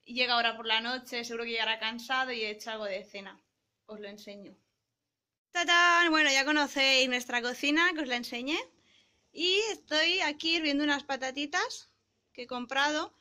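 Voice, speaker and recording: A woman's voice: high voice, fairly quick, pushed and bright. A young woman chatting cheerfully to a handheld camera at arm's length in her small apartment, explaining what she is showing. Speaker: vlogger. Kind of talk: casual vlog chat to camera. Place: small apartment kitchen and room indoors.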